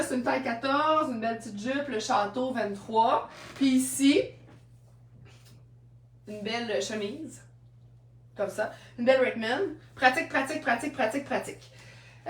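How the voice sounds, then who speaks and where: Her voice high-pitched and fairly bright, a woman with a Québécois French accent runs a chatty live-stream sale of second-hand clothes, telling stories and laughing often. She is far from the mic, so the audio sounds roomy.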